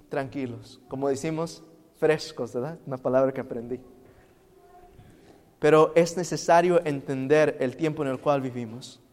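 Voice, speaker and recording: A male preacher delivers a sermon with a somewhat high voice, asking the congregation questions and building from hushed passages to loud, fervent peaks. His voice carries a long reverb, as if filling a large church hall. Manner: swings from quiet to loud, impassioned preaching.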